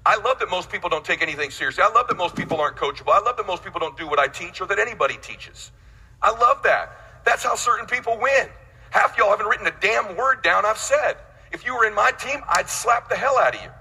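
A man's voice: high voice, sharp tone, slightly rough, long reverb tail, low-quality recording. A man in his late forties giving a blunt, intense motivational speech on sales, swearing freely as he preaches. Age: 40s.

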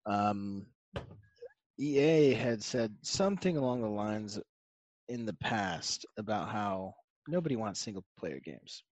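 A man's voice: fairly low pitch, animated, slow, a little mellow, dry recording, poor audio. A man co-hosting a casual podcast chat from a video call, blunt and opinionated. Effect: remote voice on a video call over an internet connection. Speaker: podcast co-host.

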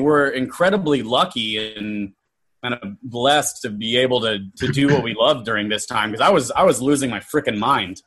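Earnest, animated male actor talking over a video call. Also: mid-range voice, breathy edge. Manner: animated and earnest, many fillers. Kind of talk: casual video-call chat.

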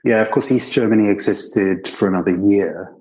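The audio is poor, but you can hear an older man from Britain, his voice fairly low and a little mellow, recalling his past at a moderate pace. As an interview guest, he shares personal memories in a conversational, anecdotal manner with a British accent.

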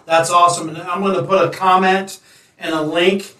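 A man's voice: high voice, flat delivery, normal speed, bright, forceful tone. A man hosting a casual show, talking informally and reassuringly straight to the viewers. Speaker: show host. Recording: echoey, distant microphone.

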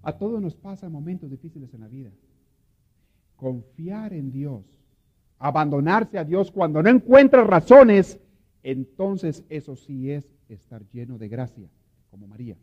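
Male priest, higher voice, sermon swinging between hushed and impassioned; dull, reverberant church recording. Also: lively intonation, unhurried. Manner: swings from hushed murmurs to loud impassioned pleading. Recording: dull lo-fi audio with long hall reverb.

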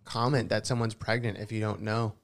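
A man's voice: lowish voice, level tone, brisk, gravelly. A young man co-hosting a podcast, chatting casually and easygoingly about his work. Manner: easygoing, quotes shouting photographers in loud raised voice. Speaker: podcast co-host. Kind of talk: casual chat.

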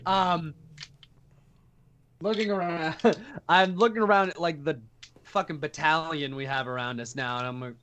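A woman's voice: low-pitched, moderate pace, fairly bright tone, slight background noise. A woman chatting casually as a player in a tabletop game, hesitant and joking. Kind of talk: casual role-play chat.

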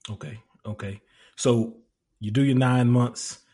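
A man hosting an interview who asks steady questions and answers with short, calm acknowledgments. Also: mid-range voice, measured pace. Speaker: interviewer, host.

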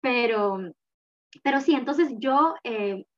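A woman's voice: fairly high pitch, animated, slow pace. A woman, a mother chatting casually as a guest with many fillers. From Peru. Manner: chatty, frequent fillers and laughter. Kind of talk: casual conversation. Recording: slightly dull lo-fi recording.

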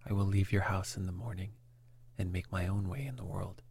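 A man voicing a proud young son accused of theft, speaking in a breathy whisper as whispered role-play, indignant and stubborn. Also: deep voice, steady tone, brisk, darkish tone, a little hiss or hum. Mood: defiant.

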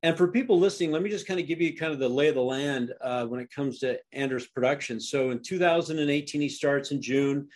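This enthusiastic podcast host runs a casual interview, leaning heavily on "uh" as filler. His voice is on the high side and a little mellow, and he talks quickly with hardly any pauses.

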